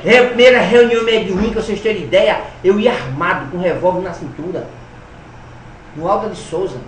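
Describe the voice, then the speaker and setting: A man from Alagoas gives a spiritist lecture, telling personal stories with humor and sudden swings between loud and soft. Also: sits high, a little fast, slight background noise. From Alagoas, Brazil. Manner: animated, humorous storyteller with dramatic swings in loudness. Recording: roomy hall, voice from a distance, faint ambience.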